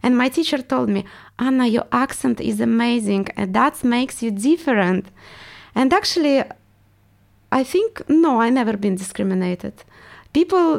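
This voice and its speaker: Her high voice carries vocal fry as she reflects on personal experiences as an interview guest. She's from Estonia, has a Russian accent, and searches for words in English, which isn't her first language.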